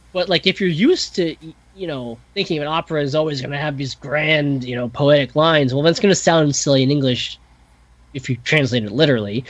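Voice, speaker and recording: A man's voice: fairly high pitch, no echo, dull audio. A man talking casually and thoughtfully on a podcast, full of fillers, restarts and self-corrections. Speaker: podcast guest, composer. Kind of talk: casual discussion.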